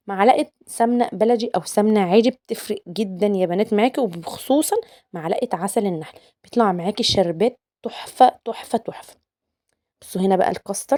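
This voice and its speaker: Fast-talking Egyptian woman cooking vlogger. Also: mid-range voice, warm tone. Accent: Egyptian Arabic. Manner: chatty, coaxing, addresses viewers as girls. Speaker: cooking channel host. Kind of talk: casual cooking vlog talk to viewers.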